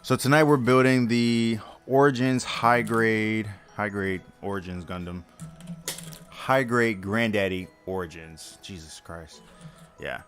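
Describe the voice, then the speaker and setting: A man's voice: fairly low pitch, fairly even intonation, a little slow, fairly bright tone, soft background music. A tired man hosting a live stream, chatting casually and rambling with lots of fillers and restarts while he builds a model kit.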